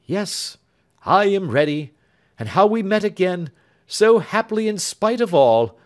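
A man's voice: sits high, sing-song, measured pace, pitched above the performer's own voice. A man voicing an earnest young suitor. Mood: fervent.

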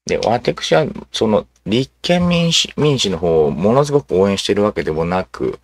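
A man giving casual commentary as he reads social media replies aloud, musing and halting, with many fillers and asides. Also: fairly low pitch, sing-song.

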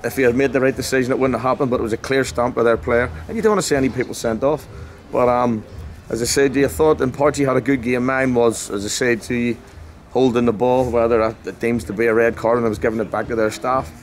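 Speaking quickly in a flat, medium-pitched voice, this forties-aged football manager is blunt and passionate in his post-match interview, outdoors at a ground after dark. He's emphatic and repetitive. The handheld mic sits close to his mouth, and faint outdoor noise can be heard.

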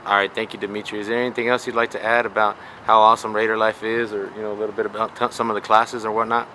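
A man asking interview questions off camera, upbeat and quick to say awesome. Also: on the low side, level tone, bright, forceful tone, slight background noise, poor audio. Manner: upbeat, keeps saying awesome.

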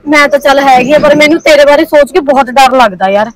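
A woman's voice: high voice, quick pace, close to an everyday voice. A woman, playing a cautious friend who scolds and worries. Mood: worried. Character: anxious cautious young village woman friend. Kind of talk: village family drama acting.

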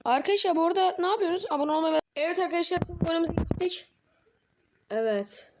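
A young woman with a high voice talks her way through a horror game as a let's-play commentator. She is jumpy and excitable, cursing at scares, then sinking into low mutters while she plays. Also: quick pace. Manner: jumpy and excitable, swearing, drops to low mutters between outbursts. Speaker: gaming channel host.

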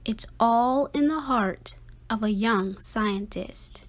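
Reading a rhyming book for children, this female narrator speaks high and slowly, her delivery expressive and dramatic, each phrase carefully placed.

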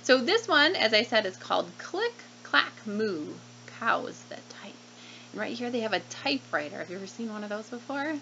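A gravelly, fairly high-pitched woman in her thirties reads a picture book to children at normal speed, teacher-like and expressive, adding questioning asides. She comes across as animated and child-directed. The webcam recording, made at a desk in a small room, is slightly dull and carries faint noise.

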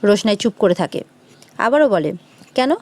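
A woman's voice: on the high side, quick pace, darkish tone. A woman narrating a recap of a TV serial episode as a channel host, speaking to viewers as friends.

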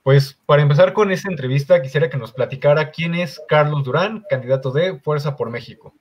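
A man's voice: on the high side, a little fast, lo-fi sound. A man with a Mexican accent hosting a political interview, polite and formal, sometimes stumbling over words. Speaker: interview host. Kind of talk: conducting an interview.

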